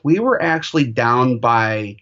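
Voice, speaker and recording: A man's voice: medium pitch, expressive, unhurried, a bit bright. A man chatting casually about a family trip, rambling with restarts and laughing. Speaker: parent recounting a trip. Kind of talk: casual chat. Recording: dull lo-fi sound.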